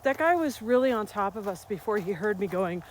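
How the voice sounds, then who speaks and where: The audio is poor, with a little hiss or hum, as a medium-pitched woman in her fifties talks briskly. She's a vlogger and health coach walking uphill on a rural trail, slightly winded, chatting and laughing through animated stories.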